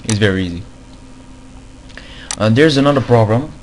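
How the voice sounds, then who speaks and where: In this screen-recorded tutorial on making game mods, a non-native English-speaking man talks with a lowish voice, lively intonation and moderate pace. He hesitates a lot, repeating words and using many fillers, and the rough recording has slight background noise.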